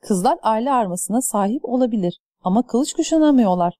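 A fourteen-year-old boy with a dry, teasing wit talks to his little sister like an older brother, as a woman reads him. The tone is warm and slightly raised, recorded close and dry. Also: a little high, animated, brisk, dry recording, voice pushed up.

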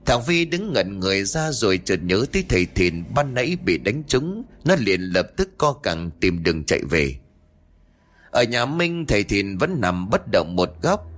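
Low, lively male horror storyteller. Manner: dramatic storytelling. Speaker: narrator. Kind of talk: scripted horror story narration.

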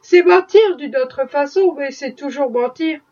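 A woman's voice: sits high, measured pace, darkish tone. A woman reading aloud, voicing a stern middle-aged spinster aunt who scolds a child. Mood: lecturing. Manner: scolding, exasperated. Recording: dull distant recording.

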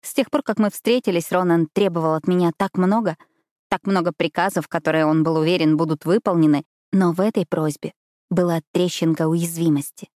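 Low-voiced woman narrating an audiobook. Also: fairly even intonation, a little fast, darkish tone, no echo, clean studio sound. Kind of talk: first-person scripted narration.

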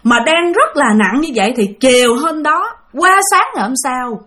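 A woman with a Southern Vietnamese accent narrates a ghost story in a high, expressive, bright voice with a forceful tone at normal speed. She's chatty and often speaks straight to her listeners.

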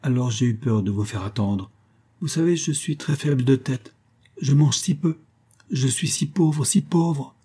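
A man's voice: mid-range voice, unhurried, dark tone, slightly rough, pitched above the performer's own voice. A man voicing an old miserly male beggar who whines about poverty and demands secrecy, for an audiobook. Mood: whining. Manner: whining, secretive, pleading poverty.

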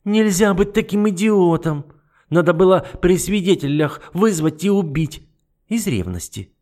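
A man voicing a shrill, hysterical noble duchess in an audiobook, who wails and pleads. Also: animated, measured pace, mellow. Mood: shrieking. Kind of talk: audiobook character voice.

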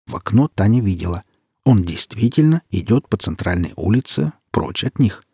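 A man narrating an audiobook in an even, measured storytelling manner. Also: fairly low pitch, vocal fry, slightly rough, no echo, clean studio sound. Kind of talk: scripted narration.

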